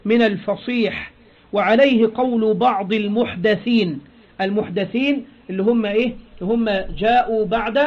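A man with a high-pitched voice and an Egyptian Arabic accent teaches a grammar lesson. He explains step by step and keeps drawing answers from his listeners with prompting questions. The recording is dull and lo-fi. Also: normal speed.

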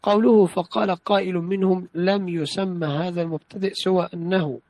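A man's voice: high-pitched, fairly even intonation, a little fast, darkish tone, no room sound, rough recording. A man reading a classical text aloud in a study session, carefully reciting and repeating phrases when corrected.

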